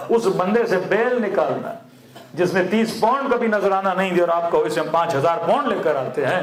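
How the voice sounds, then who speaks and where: A male cleric preaching to a gathering, with a voice pitched a little above the usual for a man. He tells stories and puts questions to the crowd that he then answers himself, with the odd chuckle. The sound carries around a reverberant hall. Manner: asks the audience questions and answers them himself. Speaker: Shia cleric. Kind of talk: sermon with storytelling. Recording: echoey hall.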